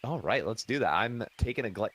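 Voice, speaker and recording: A man's voice: fairly low pitch, animated, fairly quick, a bit bright. A man playing a tabletop game, speaking eagerly and stammering as he chats in character. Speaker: player.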